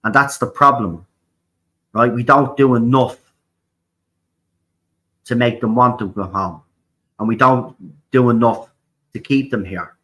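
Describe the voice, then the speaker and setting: This Irish host's voice sits at medium pitch with a bit of brightness, moving a little slowly and pausing often. Bluntly opinionated about politics, he repeats himself, curses, and asks "right?" again and again.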